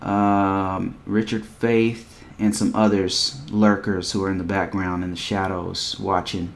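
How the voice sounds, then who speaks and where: Low-voiced man rambling through a live stream. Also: level tone, slow, gravelly, slight background noise. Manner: rambling, repeats himself, frequent fillers, talks to viewers directly. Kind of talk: casual storytelling and advice to viewers.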